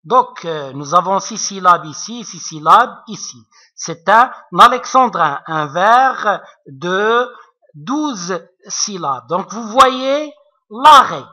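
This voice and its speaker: A man teaching a recorded literature lesson, hesitant and full of fillers, often pausing to check that his students follow. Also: sits high, expressive, bright, forceful tone. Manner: hesitant, many fillers, keeps checking understanding. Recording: dull lo-fi recording.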